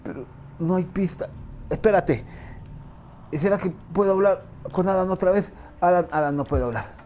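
A man's voice: high voice, normal speed, a little mellow, slight background noise. A man giving frantic let's-play commentary, talking to himself and repeating words. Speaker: gamer.

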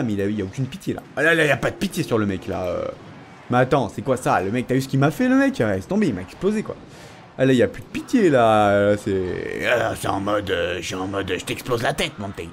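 A man giving excited, slang-filled commentary over a mobile game he is playing, swinging from hyped yelps to mumbled asides and speaking straight to his viewers. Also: medium pitch, fast talker, a little hiss or hum. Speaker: gaming video host. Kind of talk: live gameplay commentary.

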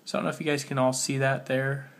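A tutorial host with a cold walks through a casual phone how-to, working as he talks and carefully spelling each step out, his voice slightly muffled. His medium-pitched voice is gravelly yet a bit bright, with a level tone, and he speaks fast.

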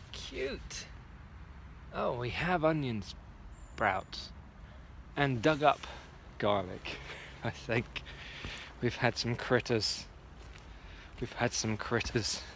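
A man's voice: medium pitch, fairly bright tone. Man, 40s, casual vlog, outdoor allotment, phone at arm's length, chatty muttering, faint background hum. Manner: chatty, muttering to himself as he works. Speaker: vlogger. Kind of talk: casual walk-and-talk vlog. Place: outdoor garden allotment at dusk. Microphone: phone camera at arm's length.

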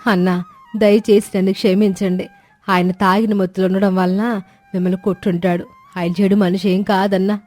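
A woman voicing a long-suffering wife, dark warm tone, pleading. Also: medium pitch, flat delivery, moderate pace, soft background music, close to an everyday voice. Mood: gentle.

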